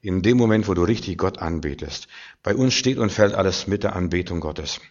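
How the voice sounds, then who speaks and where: Male preacher, impassioned sermon delivery with hushed asides and loud peaks, low-pitched, muffled lo-fi sound. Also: lively intonation, fairly quick.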